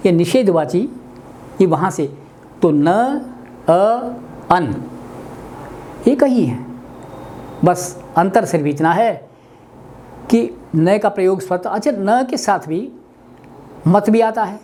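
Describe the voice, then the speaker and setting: Slow, deliberate older man teaching. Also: high voice, animated, warm tone, a little hiss or hum. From India. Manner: slow, deliberate, spells out words. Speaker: Hindi language teacher. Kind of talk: weekly webinar lecture. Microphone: webinar computer mic.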